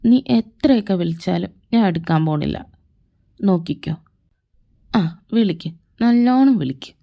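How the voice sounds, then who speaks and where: A woman's voice: medium pitch, expressive, normal speed, vocal fry, mellow. A woman voicing a stubborn, sulking young man in an audio fan story. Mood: sulky.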